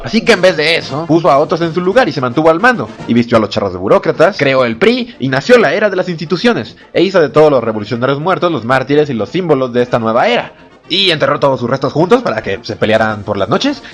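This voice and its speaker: A man with a Mexican accent narrating history as a fast, sarcastic comedy, jumping into quick silly voices. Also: on the high side, big pitch swings, faint music behind.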